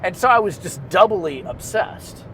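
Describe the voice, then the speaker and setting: A Southern-accented man with a high voice that swings up and down a lot. He hosts a podcast and tells stories in a loose, rambling way, swearing casually. There is a faint hum of noise behind him. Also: expressive, unhurried, fairly bright tone. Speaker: podcast host. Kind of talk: casual chat.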